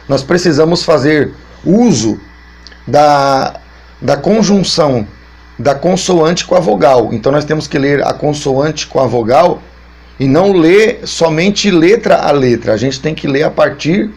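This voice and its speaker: A pastor with a Brazilian Portuguese accent gives a Bible teaching lesson, explaining slowly step by step, repeating his points, and using many fillers. His voice is on the high side, darkish and breathy-edged, with vocal fry.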